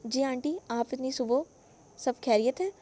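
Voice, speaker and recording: A woman voicing a polite, respectful young husband in a spoken novel. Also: high voice. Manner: respectful, calm.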